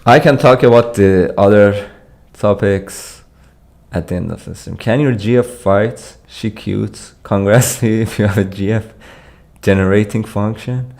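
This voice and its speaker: A young Iranian man in his early adult years live streams from his computer, casually walking through contest solutions and reading chat. His voice sits on the low side and is a bit slow, creaky and slightly mellow. He sounds hesitant, often restarting sentences and laughing as he reads the chat.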